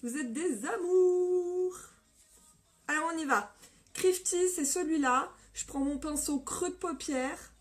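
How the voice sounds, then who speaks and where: Upbeat, slightly hoarse female live-stream host; high, leisurely delivery, cheerful viewer shout-outs. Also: takes it slowly. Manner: upbeat, greets viewers by name. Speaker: live makeup tutorial host. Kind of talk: casual live-stream chat and makeup demo. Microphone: phone.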